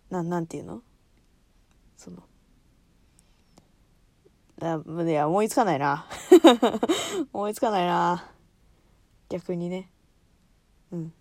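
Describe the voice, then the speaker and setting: A woman's voice: fairly low pitch, animated, takes it slowly, pauses often, a little mellow, no echo. A young woman hosting a casual solo talk show, chatting in a rambling way and laughing often.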